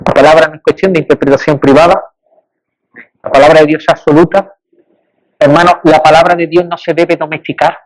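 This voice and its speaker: High-voiced man preaching emphatically. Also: level tone, a little fast, long pauses, rough recording. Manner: emphatic, rising on repeated rhetorical lists. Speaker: pastor. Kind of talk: sermon.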